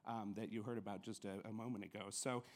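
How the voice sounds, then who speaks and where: Brisk upbeat man moderating a panel. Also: lowish voice, fairly even intonation. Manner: brisk and upbeat, with frequent ums. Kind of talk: conference panel introductions. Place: conference plenary stage.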